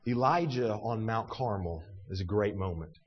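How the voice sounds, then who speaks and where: A man preaching a sermon, swinging between loud declaration and hushed intensity. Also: fairly low pitch, normal speed, breathy edge, long reverb tail, muffled recording.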